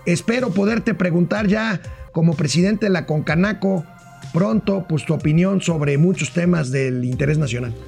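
High gravelly-voiced Mexican co-host, jokey reader of viewer comments, faint music underneath. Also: male voice, moderate pace, a little mellow. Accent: Mexican Spanish. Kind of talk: casual talk-show chat.

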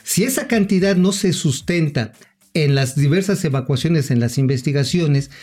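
A man's voice: a little high, expressive, normal speed, darkish tone. A man co-hosting a casual finance live stream, explaining with homely examples and joking around. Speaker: co-host, finance commentator.

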